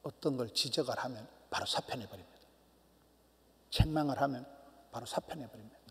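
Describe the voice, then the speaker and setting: A middle-aged man, a pastor, preaching a sermon emphatically, swinging from loud cries to hushed near-whispers. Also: medium pitch, a little fast. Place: church sanctuary. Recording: long church hall reverb.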